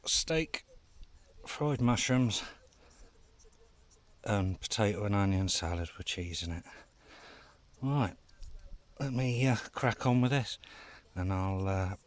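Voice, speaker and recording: With a lowish, expressive voice, this man takes his time and pauses often as he vlogs from a hammock at night camp. As a bushcraft vlogger, he keeps things casual, with plenty of fillers and banter.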